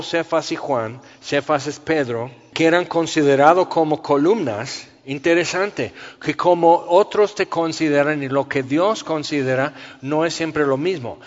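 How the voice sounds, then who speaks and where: A man preaching a conversational Bible study sermon, often asking the listeners rhetorical questions. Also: a little high. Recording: dull reverberant hall sound.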